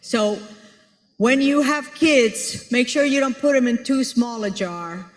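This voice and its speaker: A woman from Puerto Rico, her voice on the high side and slow, earnestly addresses an audience while answering a question, searching for words and building her ideas with everyday examples. This unscripted conference talk was recorded in an echoey hall with long reverb.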